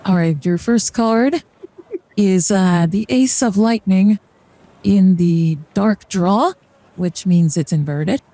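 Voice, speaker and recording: Slow and warm, a young woman's medium-pitched voice carries a relaxed live stream where she does a card reading. She jokes and rambles as she goes, filling gaps with fillers and short laughs.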